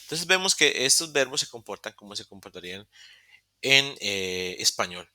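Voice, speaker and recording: A man teaching an online beginner English class in Spanish, explaining slowly, checking in with "ok?" and often correcting himself mid-sentence. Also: on the low side, very animated, sharp tone, dry recording. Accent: Latin American Spanish. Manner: patient, explaining step by step with frequent "ok?" checks; self-correcting, restarts mid-word. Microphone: computer mic in a virtual session.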